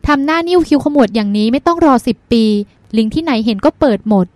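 A woman reading the lines of a calm, wise older sister who soothes and gives advice. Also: sits high, fast talker, no echo. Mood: advising. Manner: soothing, advising, gently teasing. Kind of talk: audiobook character reading.

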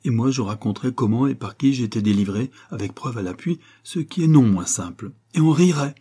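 A man voicing a cool, ironic English lord who bargains with unhurried self-assurance in a storybook reading. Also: mid-range voice, lively intonation, warm tone, husky.

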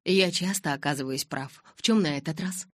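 A calm, teasing teenage boy savours his words with quiet amusement, read by a woman in her own voice. The voice sits low with a husky grain. The sound is dry and close. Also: no room sound. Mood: amused. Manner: amused and unhurried.

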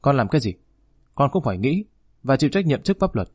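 A man's voice: mid-range voice, big pitch swings, breathy edge, no echo, studio quality. A man voicing a defiant, sulky grown son arguing back at his father in an audiobook reading. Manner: defiant, rapid, whining. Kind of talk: audiobook narration.

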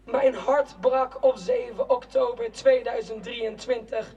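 A young woman giving a protest speech in a slow, declamatory spoken-word style, with shouted chants between lines. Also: a little high, big pitch swings, creaky, highs cut off. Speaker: rally speaker. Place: outdoor city square at a demonstration. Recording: distant outdoor rally recording.

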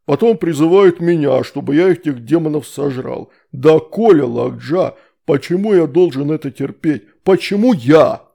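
A man reading an audiobook, voicing a huge grumpy demon uncle who drawls slow threats. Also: fairly high pitch, animated, vocal fry, dark tone.

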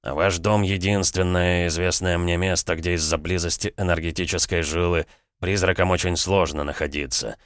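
A man voicing a selfish, stubborn middle-aged nobleman in an audiobook, in a flat, cold, unhurried delivery. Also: deep voice, dry recording, clean studio sound. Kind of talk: audiobook character voice.

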